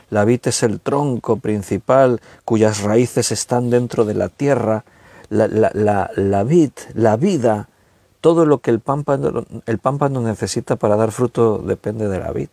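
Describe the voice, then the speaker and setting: A man from preaching a sermon at home in a conversational way, slowing down to stretch key words. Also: lowish voice, gravelly, warm tone, no room sound. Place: recorded at home with a tablet.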